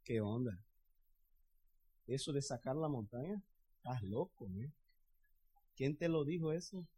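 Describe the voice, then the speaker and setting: A man's voice: mid-range voice, expressive, measured pace, mellow, husky, pitched below the performer's own voice. A male preacher voicing a doubtful churchgoer man who mocks an idea as crazy. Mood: scoffing. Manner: mocking, incredulous.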